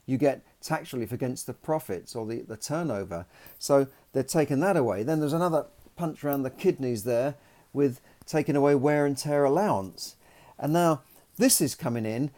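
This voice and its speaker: A man talks through his solo podcast in a mellow, relaxed voice. He rambles and restarts often, and grows indignant as he makes his case as a landlord. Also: medium pitch. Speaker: podcast host.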